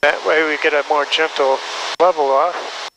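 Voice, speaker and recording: A man working as a flight instructor, giving calm, encouraging step-by-step instructions over a headset intercom in a small airplane. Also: fairly high pitch, normal speed. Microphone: aviation headset. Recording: noisy small-plane cockpit intercom, engine drone.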